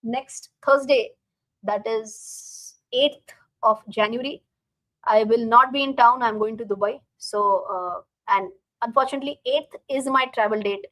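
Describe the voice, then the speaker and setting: Casting: woman, Indian accent, somewhat high voice, casual live-stream host and teacher who talks straight to her viewers. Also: measured pace, fairly bright tone, no echo, poor audio. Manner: repeats phrases, addresses viewers directly.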